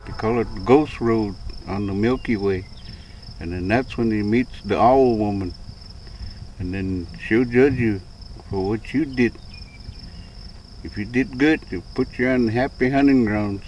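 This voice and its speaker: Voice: mid-range voice, measured pace, a little mellow, far from the mic, slight background noise, low-quality recording. A speaker in an interview, plainly retelling a story in a conversational way. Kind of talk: casual storytelling.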